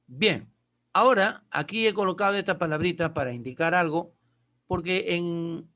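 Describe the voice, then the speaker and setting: This male teacher has a fairly high, slightly bright voice. He gives a patient, explanatory lesson, posing questions and answering them himself and dropping in short check-ins.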